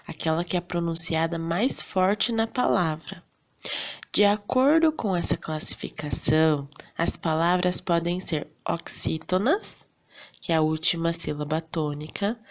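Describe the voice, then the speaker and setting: A Brazilian woman teaching a recorded lesson for fifth graders, patient and checking in often with her students. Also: lowish voice. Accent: Brazilian Portuguese. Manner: slow, patient, checks in with "tá bom?".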